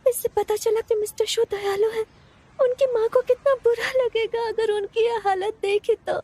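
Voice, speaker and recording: Young woman, tearful, earnest, very high, mellow tone. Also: steady tone, normal speed, no echo. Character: young tender-hearted woman crying easily. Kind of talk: Hindi dub of a drama.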